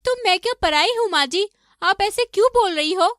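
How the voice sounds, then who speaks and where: A woman voicing a meek, poor young daughter-in-law in an animated story, pleading and submissive. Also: very high-pitched, fairly quick, dry recording, studio quality.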